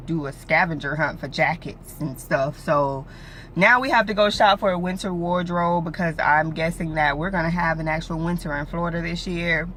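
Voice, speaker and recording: A vlogger in her late twenties chats casually three weeks after giving birth, rambling with lots of fillers like "like" and "you know." Her voice is deep with a fairly bright tone, and there's a little hiss or hum.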